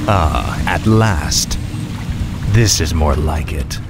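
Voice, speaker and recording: Game villain: ancient rasping undead king, low, slow, imperious, over loud music. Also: lively intonation, exaggerated voice. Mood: cold menace. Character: cold, menacing undead male death knight serving the Lich King. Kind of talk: video game unit voice lines. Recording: loud game music and battle noise behind.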